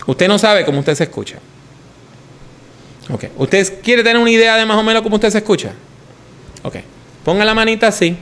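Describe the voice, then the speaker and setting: A man's voice: high voice, a little fast, pauses often, fairly bright tone. A man giving a conversational lesson on how to preach, demonstrating points with his own voice. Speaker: preaching teacher. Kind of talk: instructional talk on preaching.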